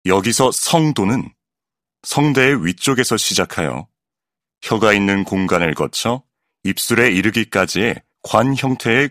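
Low, lively male audiobook narrator. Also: no echo, clean studio sound. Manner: clear, measured explanatory delivery. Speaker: voice actor reading an audiobook. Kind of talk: scripted educational narration.

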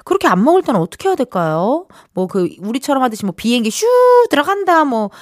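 A woman's voice: fairly high pitch, big pitch swings, fast, no room sound. A young adult woman hosting a radio show in a studio, bubbly and playful, chatting and reading listener messages. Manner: bubbly, playful, reads listener texts with acted voices. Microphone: studio mic. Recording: dry studio sound with faint music behind.

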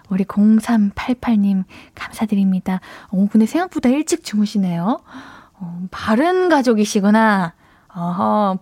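A woman's voice: mid-range voice, mellow, slightly rough, no room sound. A young woman hosting a radio show, reading listener messages in a friendly, playful, chatty way. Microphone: studio microphone.

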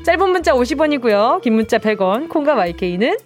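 A young woman hosting a playful radio quiz show, animated and theatrical as she reads listener messages aloud. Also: a little high, fast talker, faint music behind. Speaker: radio host. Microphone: studio microphone.

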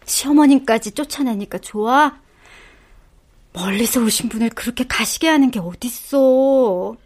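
A woman's voice: on the high side, unhurried, darkish tone. An actress playing a worried middle-aged daughter pleading with her mother to recognize her. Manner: pleading, upset. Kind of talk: TV or radio drama acting.

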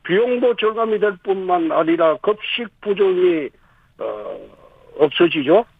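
A man, a city government official, answering radio interview questions and explaining policy point by point with pauses. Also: high-pitched, lively intonation, vocal fry, husky, dry recording. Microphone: phone. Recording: tinny phone line.

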